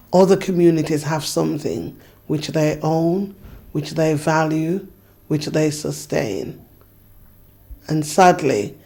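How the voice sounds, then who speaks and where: A woman's voice: deep voice, creaky, warm tone. A woman in her fifties, a community activist, thoughtfully recalling the past in an interview, with earnest restarts and many "you know"s. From Jamaica. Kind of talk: reflective interview recollection.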